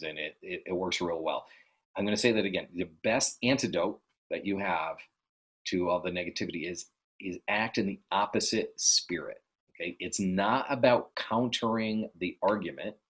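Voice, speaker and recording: A man's voice: low-pitched, slightly rough. A man giving earnest, encouraging motivational advice as a life coach, repeating his key phrases. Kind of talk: motivational podcast talk. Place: New York City.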